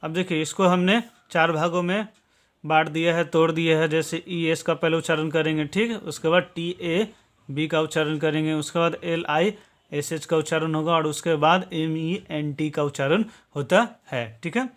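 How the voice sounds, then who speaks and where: In a patient, step-by-step classroom style, a man from Bihar, India, teaches viewers English and checks in with "okay?" after almost every point. His fairly high voice holds a steady tone at a normal pace.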